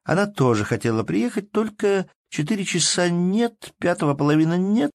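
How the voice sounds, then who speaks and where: A man's voice: sits high, animated, moderate pace, a little mellow, dry recording, pitched above the performer's own voice. A man voicing a chatty young society lady who gushes and exclaims, in a read-aloud story. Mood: gushing. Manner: gushing, exclamatory.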